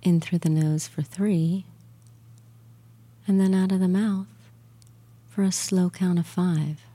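A woman leads a guided meditation in a low, very mellow voice. She speaks in a soothing, breathy murmur that sometimes thins toward a whisper. Long, gentle pauses separate her phrases. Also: fairly even intonation. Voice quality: soft, breathy, near whisper at times. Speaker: guided relaxation hypnotist. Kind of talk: guided meditation and hypnosis induction.

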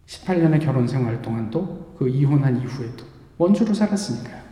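A man's voice: medium pitch, lively intonation, brisk, warm tone. A man preaching a sermon as pastor, telling a story and acting out the quoted lines of its people. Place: church sanctuary. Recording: echoey church hall.

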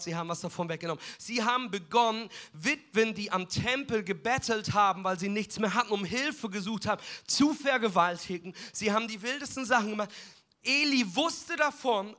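A male pastor preaches with a high, bright voice that sounds forceful and tense. He tells the story in a lively way and mixes in jokes and asides. The delivery is full sermon storytelling.

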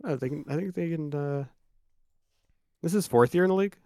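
A man's voice: fairly high pitch, fairly quick, darkish tone, no room sound, clean studio sound. A man co-hosting a sports podcast in loose, casual chat, swearing freely and restarting his sentences often. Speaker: podcast co-host.

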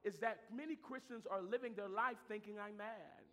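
High, bright-voiced preacher shouting in a hall. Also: male voice, moderate pace. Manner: animated preaching, swings from shouting to low asides. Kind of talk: sermon.

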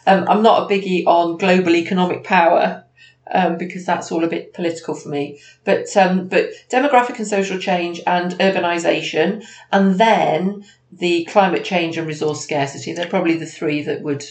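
A woman's voice: on the low side, fairly even intonation, normal speed, a little mellow. A woman co-hosting a podcast in a casual, conversational business chat. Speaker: podcast co-host. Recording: echoey room, background noise.

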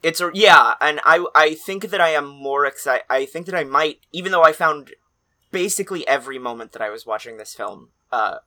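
A man's voice: a little high, animated, brisk, pushed and bright. A man talking casually as co-host of a film discussion podcast.

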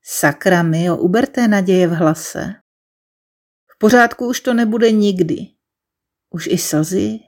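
A woman's voice: medium pitch, darkish tone. Woman reading a wry first-person story. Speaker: narrator.

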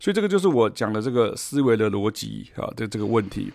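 A man's voice: lowish voice, very animated, fast talker, vocal fry, a little mellow. A man from Taiwan with a Taiwanese Mandarin accent, giving a podcast music lesson as a jazz teacher and explaining points with sung rhythm syllables.

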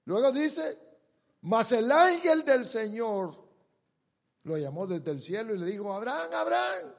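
Retelling a Bible story during a sermon, a high-voiced male preacher acts out each character's lines. He shifts dramatically from loud outbursts to quiet, stretched-out words.

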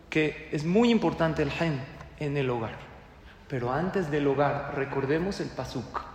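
Mexican rabbi preaching, asks the crowd questions, echoey room, faint noise. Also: male voice, on the high side. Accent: Mexican Spanish. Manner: animated storytelling, rhetorical questions. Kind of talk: sermon.

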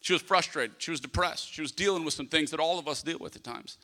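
A man's voice: a little high, fast, pushed and bright. A man preaching a sermon in an emphatic yet conversational way, with humorous personal stories. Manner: emphatic, with repeated phrases for the congregation to echo; conversational, acting out small dialogues. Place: large hall, preaching to a congregation. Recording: long hall reverb.

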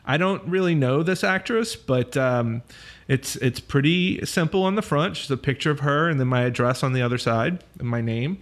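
A man's voice: mid-range voice, animated, moderate pace. A man hosting a casual podcast, playful and joking as he reads out listener mail and introduces guests. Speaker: podcast host.

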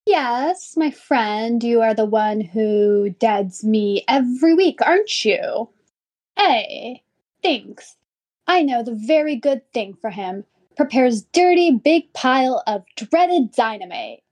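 A man voicing a squeaky, cowardly, boastful schoolboy in a 1950s radio comedy, reading his own stage directions aloud and mangling words. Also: animated, slow, exaggerated voice. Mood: gleeful. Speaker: comic character.

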